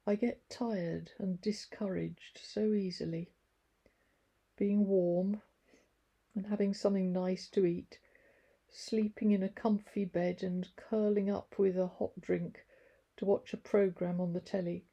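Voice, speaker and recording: A woman reads her own reflective book in a gentle, confiding voice with a wry touch. The delivery is slow, and her tone is dark and mellow, with a husky, gravelly grain. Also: mid-range voice, level tone. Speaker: author reading her book. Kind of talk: reflective first-person devotional reading.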